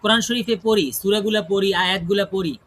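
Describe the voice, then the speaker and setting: Male recitation teacher, high bright voice, demonstrates each sound aloud for his students, often checks "right?". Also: steady tone, quick pace, a little hiss or hum. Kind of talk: classroom pronunciation lesson. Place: class with students present.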